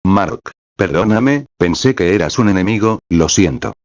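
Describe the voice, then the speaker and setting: A man reading the lines of a weary, guarded young human hero in a slow, plain way. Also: deep voice, lively intonation, no room sound, muffled recording.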